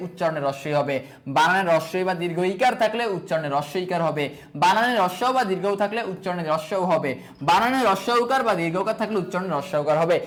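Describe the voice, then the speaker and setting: Young male tutor, high voice, drills rules through question and answer, drops in English "okay" and "so". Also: fairly bright tone. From Bangladesh. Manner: asks and answers his own questions, repeating rules; sprinkles English fillers like "okay" and "so". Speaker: exam prep tutor. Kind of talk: online exam-prep class.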